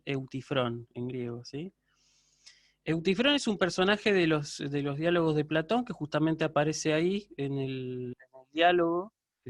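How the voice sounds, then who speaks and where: A university lecturer with an Argentine Spanish accent teaches a class online. His voice sits a bit high for a man and sounds close and dry. He explains patiently and keeps checking that his students are following. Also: no echo. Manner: answers student questions live.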